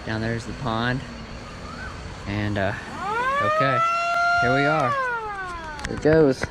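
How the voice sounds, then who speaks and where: A person vlogging casually and in an excitable way outdoors, with exclamations. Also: medium pitch, takes it slowly. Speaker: vlogger doing a first bungee jump. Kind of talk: casual first-person vlog of a bungee jump. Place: outdoors on a high bungee platform. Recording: noisy outdoor recording, wind and vehicle hum.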